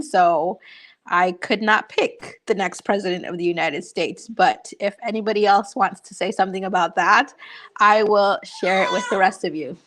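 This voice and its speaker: Upbeat and filler-heavy, a young YouTuber from Honduras answers her viewers' questions in a casual livestream. Her voice sits in the mid-range and sounds a little bright.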